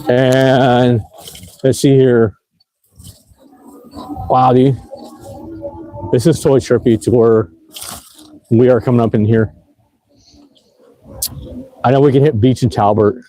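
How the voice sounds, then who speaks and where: A man's voice: medium pitch, little pitch movement, slow pace, long pauses, mellow, slight background noise, low-quality recording. A man, casually narrating a livestream while riding an e-bike through city streets at night, rambling with lots of fillers. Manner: rambling, laid-back, lots of fillers and laughs. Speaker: e-bike vlogger.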